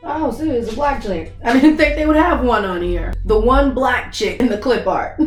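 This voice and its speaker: A woman with a slightly wheezy voice gives casual, playful, slangy and expressive movie reaction commentary as host of her channel. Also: a little high, normal speed, reverberant, faint music behind. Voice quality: slightly wheezy voice after a recent cough.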